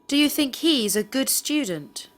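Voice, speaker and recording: In this clip, a woman acting as a language teacher reads out scripted drill questions with careful phrasing. She sits high in pitch, with lively intonation and an unhurried delivery.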